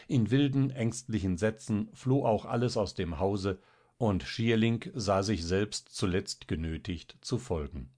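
A man narrating a classic novel as an audiobook in a steady, even reading. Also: fairly low pitch. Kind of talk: scripted literary narration.

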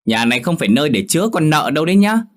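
Một người đàn ông giả giọng bà vợ địa chủ chua ngoa, the thé, càu nhàu. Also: male voice, very animated, a little fast, fairly bright tone, husky. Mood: angry. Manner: shrill, nagging. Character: shrewish older wife of a rich landlord.

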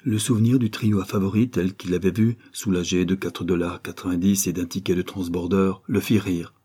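A man narrating a novel in a measured, steady storytelling manner. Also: deep voice, husky. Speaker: audiobook narrator.

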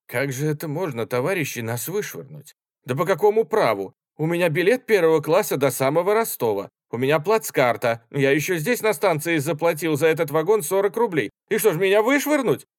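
A shrill, outraged man on a train, protesting he paid for his seat and swinging his voice high and low, a male narrator doing the voice. The sound is close and dry, with no room around it. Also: sing-song, fairly quick, no echo. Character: indignant bespectacled male train passenger.

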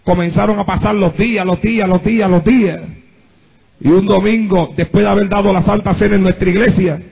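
A male pastor delivers a fervent sermon in a high, gravelly voice with a husky edge, breaking into cries of praise and climbing into impassioned shouting. The recording is dull and lo-fi. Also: fairly even intonation, a little fast. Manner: fervent preaching with frequent praise interjections.

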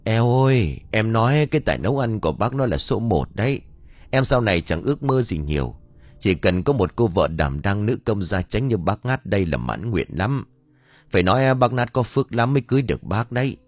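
A man voicing Hào, a cheeky young male villager who flatters and whines. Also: on the low side, brisk, no echo. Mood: flattering. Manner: wheedling, whiny when scared.

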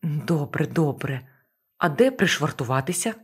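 A woman voicing a sluggish young male deckhand who talks in a slow, unbothered drawl. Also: low-pitched, lively intonation, breathy edge, full character voice. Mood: lazy.

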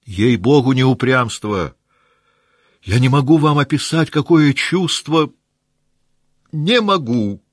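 A man's voice: rumbling low, expressive, takes it slowly, long pauses, slightly rough, dry recording, clean studio sound, full character voice. A man voicing a proud young count, earnest and flustered, pleading with his fellow officers.

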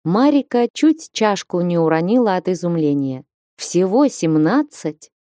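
A woman narrating a fantasy novel as an audiobook in steady storytelling. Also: lowish voice, measured pace, dry recording, clean studio sound.

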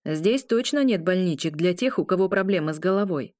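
A tense werewolf man who covers his nerves with dry jokes, as a woman reads him. The voice sits low and steady. It sounds close and dry, in an audiobook. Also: fairly quick, dry recording, natural voice. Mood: wry. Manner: wry, nervous joking.

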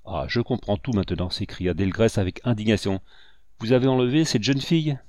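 A man's voice: low-pitched, brisk, warm tone, no room sound, clean studio sound, natural voice. A man reading as a grave, anguished commander. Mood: stern. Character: grave, anguished male commander, proud and restrained.

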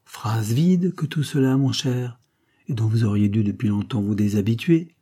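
A man's voice: fairly low pitch, lively intonation, normal speed, mellow, husky. A man reading an audiobook, voicing a scornful, domineering creole woman who talks in a cold, mocking tone. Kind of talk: audiobook character voice.

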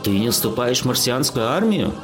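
A man voicing an elderly, blustering Martian father-in-law who shouts his indignation in high bursts. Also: very animated, moderate pace, music in the background. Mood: outraged.

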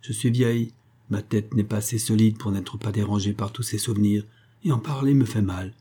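A man's voice: on the low side, steady tone, moderate pace, warm tone, slightly rough. A man reading a storybook aloud, voicing a cunning, spiteful old grandmother who coaxes and wheedles. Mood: wheedling. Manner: wheedling, calls everyone dear.

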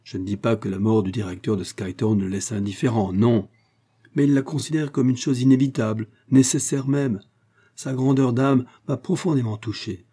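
A man's voice: mid-range voice, fairly even intonation, normal speed, mellow, breathy edge, natural voice. A man voicing a composed, kindly inventor in an audiobook. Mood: calm. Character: calm, amused middle-aged male inventor.

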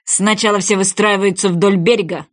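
A woman's voice: mid-range voice, steady tone, normal speed, natural voice. A woman voicing a boisterous, bossy male sea wolf fish in a storybook reading, speaking in emphatic exclamations. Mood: exclaiming.

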